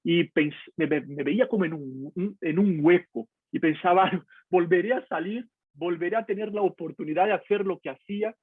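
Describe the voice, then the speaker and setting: This Brazilian pastor's voice is high-pitched and husky, at a normal speed and with no room sound. He speaks openly and directly to listeners in a personal devotional talk from home, and the video call audio sounds tinny, like a phone.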